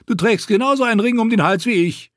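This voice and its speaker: This is a crafty male dwarf slave voiced by a man reading a fantasy audiobook. His voice sits noticeably high and nimble, dripping with sarcasm or slipping into a pleading whine. The sound is dry, with no room around it. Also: fast, a bit bright, dry recording. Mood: commanding. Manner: alternates sarcastic orders with servile begging. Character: sly, sharp-tongued male dwarf slave.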